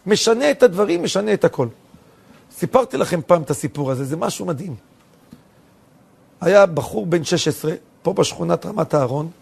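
A middle-aged rabbi preaching a sermon, telling stories and acting out the dialogue with big jumps in pitch and loudness. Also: male voice, vocal fry, slightly rough.

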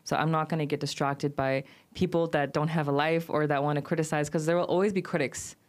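Young woman, low voice, chatty, lots of fillers, interview guest. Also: fairly even intonation, a little fast. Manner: upbeat, frequent "like" and "you know" fillers. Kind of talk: casual interview talk.

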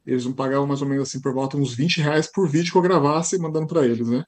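Husky Brazilian man telling his story. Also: medium pitch, fast. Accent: Brazilian Portuguese, São Paulo. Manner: lively anecdotal telling, frequent tag questions. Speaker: podcast guest, high school teacher. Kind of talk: casual interview storytelling.

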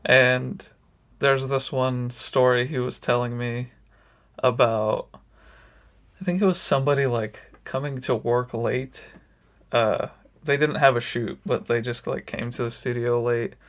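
A man's voice: medium pitch, fairly even intonation, measured pace, fairly bright tone. A man hosting an interview in casual chat, rambling with lots of "like" and "you know", often laughing. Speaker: podcast host.

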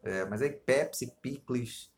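A man's voice: medium pitch, slow. A Brazilian man co-hosting a casual podcast, laid-back and agreeable, often chiming in with short replies and casual swearing. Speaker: podcast co-host. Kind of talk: casual chat.

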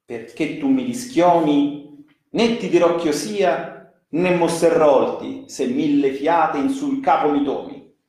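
A bitter, grudging traitor's soul trapped in the ice, as a man reading the poem voices him, spitting out refusals in slow, gravelly verse. The voice rings around a very echoey room. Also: fairly high pitch, a little mellow, pitched above the performer's own voice. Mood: resentful.

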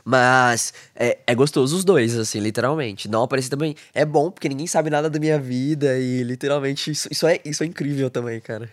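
Fast-talking man, casual guest. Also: medium pitch. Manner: relaxed, filler-heavy casual speech. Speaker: podcast guest. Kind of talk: casual conversation.

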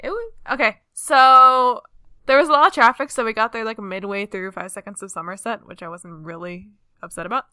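Bright, bubbly young woman chatting. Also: a little high, fairly quick, dry recording. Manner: bubbly, gushing storyteller. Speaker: podcast co-host. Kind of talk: casual chat.

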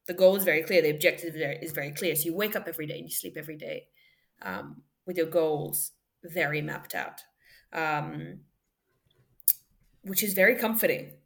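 Low-voiced woman reflecting in conversation. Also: fairly quick, creaky. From Australia. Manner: thoughtful, frequent ums and restarts, light laughter. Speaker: podcast guest, former sprinter.

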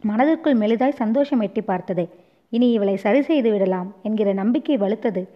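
A woman reading a novel aloud as narrator, in a measured, expressive storytelling manner. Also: medium pitch. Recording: dull lo-fi recording.

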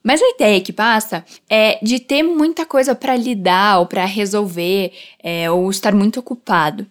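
A young woman with a Brazilian accent teaching English to Portuguese speakers, explaining phrases and leading slow repeat-after-me drills. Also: medium pitch. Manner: lively, repeats phrases slowly for practice. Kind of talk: language lesson with drills.

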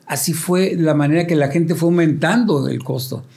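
An older man recounts band stories in a relaxed interview, his voice sitting a little higher than usual for a man. He tells them with gusto, acting out quoted voices and sound effects as he goes. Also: moderate pace, vocal fry. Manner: animated storyteller, acts out quotes and sound effects. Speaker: band member telling stories. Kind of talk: casual storytelling interview.

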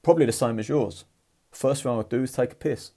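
A husky-voiced man talks straight to the listener about getting moving. He keeps it casual, swears freely and pushes hard with blunt motivation. His voice sits at a medium pitch with a rough, breathy edge. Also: fast, dark tone. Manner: blunt, profane and fired-up. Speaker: motivational vlogger.

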